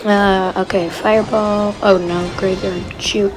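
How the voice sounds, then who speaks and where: A woman's voice: mid-range voice, little pitch movement, slow pace, noisy background. A woman giving chatty, giggly commentary over her gameplay, recorded afterwards.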